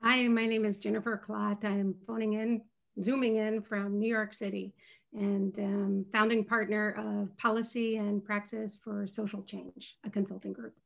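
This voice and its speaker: A woman giving a brief, low-key self-introduction as a panelist, heard over a video call. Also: level tone, moderate pace, vocal fry. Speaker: panelist, consulting founder.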